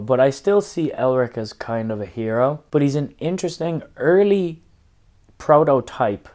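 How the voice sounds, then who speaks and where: A man with a hoarse, smoky rasp from laryngitis gives a casual, animated book review as a vlogger. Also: mid-range voice. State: hoarse, getting over laryngitis. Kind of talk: casual scripted-outline book review to camera.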